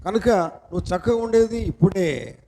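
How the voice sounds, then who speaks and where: High-voiced preacher. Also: male voice, expressive, moderate pace, creaky, dark tone, a little hiss or hum. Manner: call-and-response preaching, frequent hallelujahs and amens. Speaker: pastor. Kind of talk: sermon.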